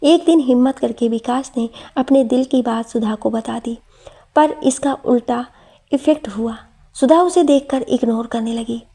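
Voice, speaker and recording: Woman storyteller, husky, mellow, fairly high voice. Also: measured pace. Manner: steady storytelling. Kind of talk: storybook narration.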